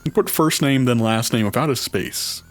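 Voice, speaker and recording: A man playing a retro adventure game with friends, reading the on-screen text aloud in a plain, even voice. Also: medium pitch, moderate pace, no echo, soft background music. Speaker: let's play player.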